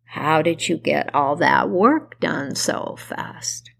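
A woman voicing Baba Yaga, a menacing old witch who eats people, speaking slowly and drawing out her words, with shrieks in her anger. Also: low-pitched, animated, creaky, voice pushed down, heavily acted. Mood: sly menacing. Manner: slow, drawn-out, shrieking when angry.

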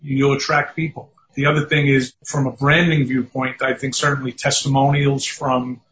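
An older man with a New York accent speaks in a mid-range, fairly bright voice at a moderate pace and level tone. He's a recruiting firm founder appearing as a guest on a podcast interview over a remote call, chatty and sprinkling in dry, self-deprecating asides. The remote audio sounds dull and lo-fi.

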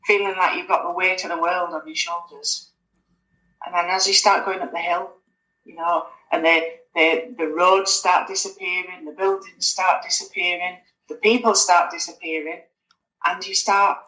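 A woman from West Yorkshire, England, guests on a podcast, chatting casually with many fillers and restarts in a conversational interview. Her mid-range voice is bright and forceful. The recording is rough, with an echoey room.

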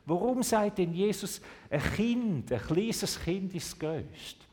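A male pastor preaches a family sermon in a church. His voice sits somewhat high for a man and rings out with long reverb. He tells a story with lively swings and sinks to a gentle hush on tender words. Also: takes it slowly. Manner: animated storytelling, dropping to a soft hush for tender phrases; asks the congregation questions.

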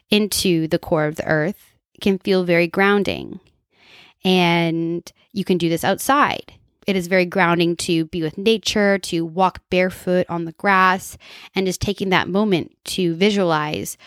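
A woman's voice: on the low side, no room sound, studio quality. A woman in her thirties giving a candid, reflective, casual monologue as a host sharing personal wellness advice. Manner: reflective, candid, with repeated phrases and casual swearing. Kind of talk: casual solo spoken monologue.

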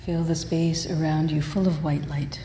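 Low-voiced woman guiding meditation, roomy reverb. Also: steady tone, warm tone. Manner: slow, measured, soothing instruction with long pauses. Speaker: meditation and yoga teacher. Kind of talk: guided meditation. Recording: roomy hall reverb, faint noise.

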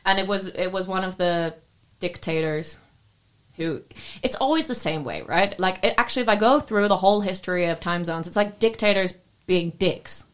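A woman's voice: on the low side, normal speed. A young woman co-hosting a podcast, chatting in a casual, tipsy way, swearing lightly and laughing easily. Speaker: podcast co-host. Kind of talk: casual chat.

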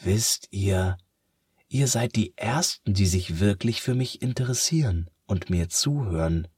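A man voicing a sad, weary sun that talks slowly and sighs, in a children's storybook. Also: lowish voice, lively intonation, a little mellow, husky, no echo, studio quality, full character voice. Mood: downcast, slow. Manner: slow, sighing, downcast.

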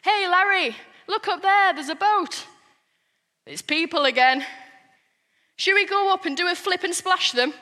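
A woman voicing a playful, chatty dolphin in a high, bouncy, excited way. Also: measured pace, pauses often, in a large hall, full character voice.

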